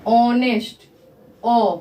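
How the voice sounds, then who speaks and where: A woman's voice: on the high side, warm tone. A woman English teacher giving a grammar lesson, asking her students questions and answering them herself. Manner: slow, repeats questions to the class and answers them. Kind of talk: grammar lesson explained in Hindi. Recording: echoey room, voice from far.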